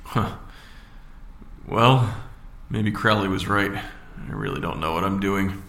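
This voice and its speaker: A man's voice: deep voice, takes it slowly, a bit bright, echoey room, slight background noise, heavily acted. A man playing an unsure male amateur investigator who probes hesitantly and sounds weary. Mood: wary.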